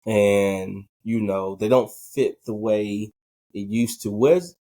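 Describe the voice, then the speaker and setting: Podcast host, man, lowish mellow voice, rambling questions. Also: takes it slowly. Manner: rambling, asks questions with restarts. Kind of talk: casual interview talk. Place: bedroom at home.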